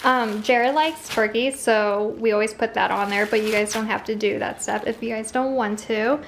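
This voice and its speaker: Chatty young woman with higher voice. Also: steady tone, moderate pace, a little hiss or hum. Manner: chatty, friendly instructions with fillers. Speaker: lifestyle vlogger. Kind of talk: casual cooking tutorial. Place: home kitchen, indoors.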